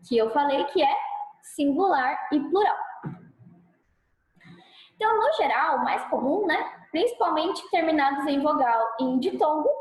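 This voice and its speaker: Brazilian lady teacher, high voice, keeps asking "tá?", drags example words out loud, room echoes. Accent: Brazilian Portuguese. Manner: sounds out example words slowly and loudly; checks in often with "tá?" and "né?". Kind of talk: classroom grammar lesson. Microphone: clip-on mic.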